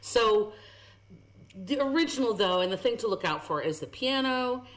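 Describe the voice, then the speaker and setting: A woman guest on a radio show, lively and explanatory as she talks through music, chuckling now and then. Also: fairly high pitch, moderate pace. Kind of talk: radio chat. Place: radio studio.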